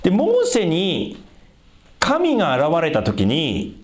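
Guy preaching a sermon, pitch jumps all over, chatty with the crowd, roomy echo. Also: slow. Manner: lively, conversational, speaks directly to the congregation. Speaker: pastor. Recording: echoey room.

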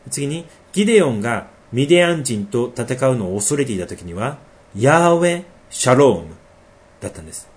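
A middle-aged man preaching a sermon, reading verses slowly and then explaining them in a conversational tone. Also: mid-range voice, big pitch swings. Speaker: pastor.

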